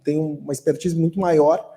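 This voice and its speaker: A man speaking as a software architect, answering an audience question at a tech talk in a relaxed, explanatory way. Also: a little high, moderate pace. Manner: explanatory, relaxed, frequent "né?" tags. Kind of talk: conference Q&A answer.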